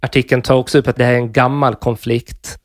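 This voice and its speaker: A man co-hosting a podcast, explaining history in a relaxed, chatty way and swearing now and then. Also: medium pitch, no room sound, clean studio sound. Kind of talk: casual podcast chat.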